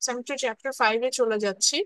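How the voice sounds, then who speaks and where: A woman's voice: on the high side, fairly bright tone, no room sound, low-quality recording. A woman university lecturer teaching an online class, mixing English terms into her speech and often checking in with students. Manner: mixes English terms into Bengali, slow deliberate English phrases.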